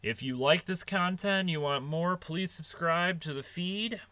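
A man's voice: high-pitched, measured pace, sharp tone, dry recording. A middle-aged man hosting a podcast, talking casually and earnestly as he tells stories about managing staff. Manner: earnest, anecdotal storytelling. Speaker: podcast host on restaurant management.

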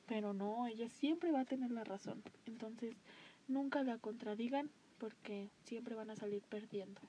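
Brief: woman co-host, slightly high voice, faint hiss behind. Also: moderate pace, warm tone. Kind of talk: casual chat.

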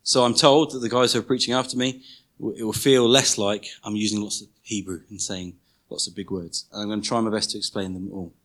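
A man's voice: fairly low pitch, steady tone, brisk, a bit bright. A man preaching an informal teaching sermon in church, chatty in tone and leaning hard on key words he repeats.

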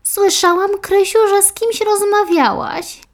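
A woman voicing an elderly mother who speaks in a high, sweetly coaxing voice. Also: fairly even intonation, measured pace. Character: fussy elderly mother, high sing-song voice.

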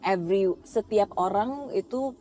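A woman's voice: medium pitch, unhurried, warm tone, slight background noise. A woman hosting a casual conversation, reflective and mixing in English phrases.

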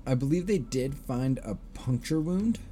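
A man's voice: medium pitch, expressive, unhurried, warm tone, a little hiss or hum. A man hosting a casual podcast, chatting and joking with frequent restarts. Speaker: podcast host. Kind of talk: casual chat.

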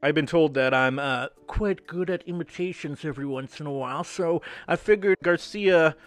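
A man's voice: fairly high pitch, normal speed. A man hosting a casual drinking show, rambling and swearing freely. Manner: profane, rambling and animated. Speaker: show host.

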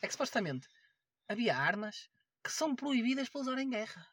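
A man's voice: very high-pitched, big pitch swings, brisk, a bit bright, husky. A young man with a European Portuguese accent, chatting casually and informally with plenty of slang. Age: young adult. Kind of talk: casual chat.

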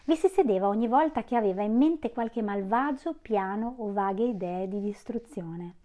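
A woman reading a novel aloud in measured storytelling. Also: mid-range voice, warm tone. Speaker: audiobook reader.

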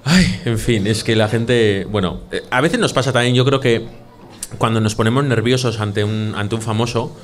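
A man's voice: medium pitch, moderate pace. A man with a Basque Spanish accent, hosting a podcast in a casual chat, joking and telling anecdotes. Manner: jokey, teasing, tells anecdotes. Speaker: podcast host.

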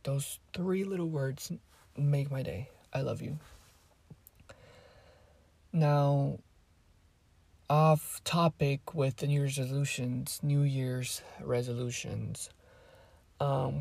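With a very deep, gravelly, slightly mellow voice, an eighteen-year-old native Spanish speaker chats to camera for her viewers. She takes it slowly, pausing often, and her casual talk rambles and strays off topic. The sound has no echo.

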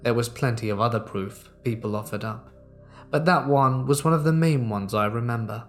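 A mid-pitched male narrator reads submitted true horror stories in a steady, measured way, with soft music playing underneath.

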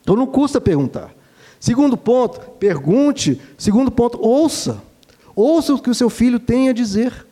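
A man, a father giving gentle, instructive parenting advice and warmly addressing his listeners. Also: very high voice, animated, moderate pace. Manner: gentle and didactic, calls listeners "dear ones". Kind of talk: earnest advice talk to listeners.

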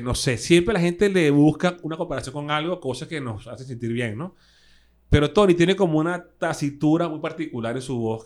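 A man with a Caracas Venezuelan accent, a guest musician telling stories in animated, slangy casual chat with lots of fillers. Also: mid-range voice. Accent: Venezuelan Spanish (Caracas).

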